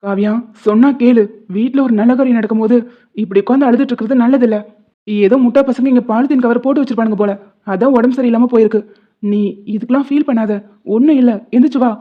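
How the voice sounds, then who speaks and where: Delivering her lines quickly and with light acting, a woman with a fairly high pitch plays a stern middle-aged husband who is a village head in a cartoon. He scolds and commands, and the recording has a tinny, phone-like lo-fi quality.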